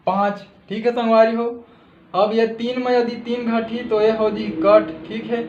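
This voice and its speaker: A man's voice: very high-pitched, measured pace, slight background noise. A man with a Chhattisgarhi accent explains a math lesson step by step, checking in with listeners after each step. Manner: steady step-by-step explaining, frequent "theek hai" checks. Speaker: math teacher. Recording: echoey room, dull lo-fi audio.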